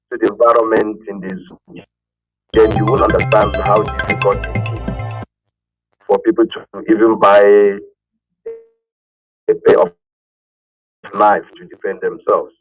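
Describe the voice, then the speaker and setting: A man calling in to a radio show, speaking haltingly and searching for words. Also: on the low side, dry recording. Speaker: caller. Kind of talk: call-in radio speech. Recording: muffled call line with faint music.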